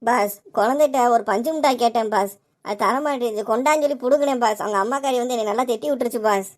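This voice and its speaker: A woman's voice: fairly high pitch, quick pace, natural voice. A woman voicing a whiny adult male petty thief who complains to his boss in a Tamil cartoon dub. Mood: whining. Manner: whining, complaining.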